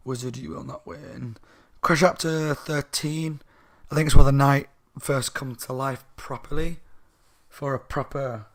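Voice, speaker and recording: Tipsy man rambling a book review. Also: medium pitch. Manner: rambling, tipsy, self-correcting.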